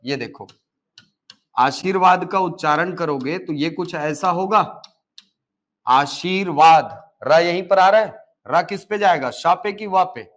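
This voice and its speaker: A male Hindi teacher with a Chhattisgarhi accent, giving a live classroom lecture and explaining step by step, asking and answering his own questions. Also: on the high side.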